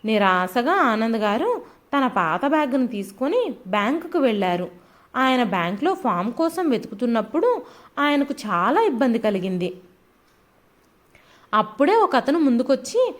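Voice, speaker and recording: A woman narrating an audio storybook in an expressive way. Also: fairly high pitch, moderate pace, long pauses. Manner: expressive, lively.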